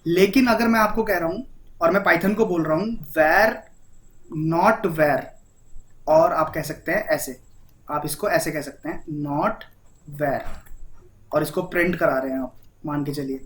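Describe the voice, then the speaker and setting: A man's voice: high-pitched, a little slow, pauses often, fairly bright tone. A man with an Indian accent teaching a programming lesson in a casual, chatty way, often checking in with his listener and mixing English terms into his talk. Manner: repeats "ठीक है?" and mixes English terms into Hindi. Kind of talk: casual Hindi coding lesson.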